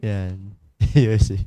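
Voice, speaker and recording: A man hosting a morning church devotion livestream in a studio, chatty, laughing often and filling pauses. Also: on the low side, dark tone. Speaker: devotion leader and livestream host. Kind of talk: casual livestream greetings and devotional talk.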